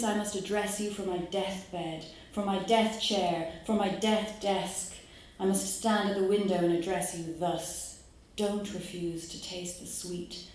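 Lowish and darkish, the voice belongs to an Irish woman from Dublin who reflects on her poems with pauses and fillers, then reads them to an audience. The live venue sounds very echoey.

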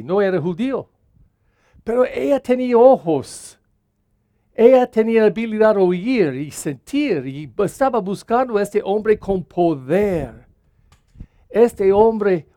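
Slow, mellow-voiced priest giving a homily. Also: male voice, high voice, no room sound, clean studio sound. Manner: earnest, repeats phrases for emphasis. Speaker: parish priest. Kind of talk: Sunday homily.

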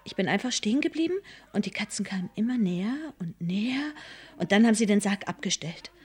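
An actress playing a mother telling an eerie tale in a hushed, suspenseful children's audio drama. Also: medium pitch, animated, brisk, husky. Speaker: Jan's mother, telling her story.

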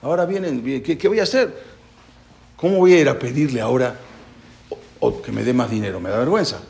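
A man's voice: medium pitch, brisk, vocal fry. A man giving a sermon and telling a parable, acting out the voices of its characters. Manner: animated storyteller, voices characters. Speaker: rabbi giving a talk.

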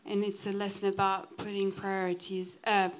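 A woman's voice: mid-range voice, little pitch movement, normal speed, a little hiss or hum, poor audio. A woman giving a live English translation of a sermon, phrase by phrase, with fillers and restarts. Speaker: interpreter.

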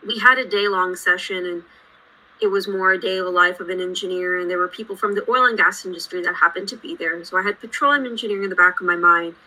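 Bright-voiced woman guest in her late twenties. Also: on the low side, rough recording. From India, raised in Houston. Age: late 20s. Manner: measured, explanatory storytelling. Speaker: guest engineer. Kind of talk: podcast interview.

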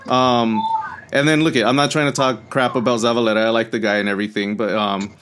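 A man's voice: mid-range voice, steady tone, fast talker, background noise. A man co-hosting a podcast, chatting casually, hesitant and often repeating words before trailing off. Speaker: podcast co-host. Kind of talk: casual chat.

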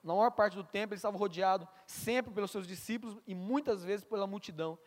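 Pastor, male, high voice, preaching sermon, asks the room questions, long church reverb. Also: quick pace. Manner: stammers on restarts, asks the congregation questions.

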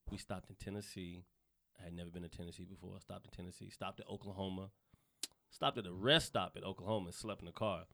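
A man from North Carolina with a Southern accent, telling profane, animated stories in a casual podcast chat. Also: low-pitched, fast talker, gravelly.

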